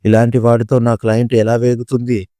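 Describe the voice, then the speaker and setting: A man's voice: mid-range voice, completely flat delivery, brisk, dark tone, no room sound, clean studio sound, lightly acted. A man voicing a scheming lawyer who pleads pointedly in court while reading the story. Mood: accusing. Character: scheming male lawyer for the bride.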